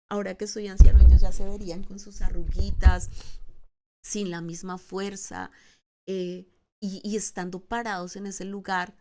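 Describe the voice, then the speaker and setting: A woman's voice: mid-range voice, mellow. A woman pastor with a Colombian Spanish accent, giving an emotional devotional sermon that ends in prayer. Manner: emotional, breaks into tearful acted cries.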